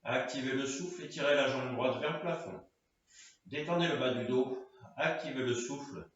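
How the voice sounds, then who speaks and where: A man leading a guided floor-exercise session, giving calm, directive cues in short phrases. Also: mid-range voice, normal speed. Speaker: karate and fitness instructor. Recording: echoey room, distant mic, dull sound.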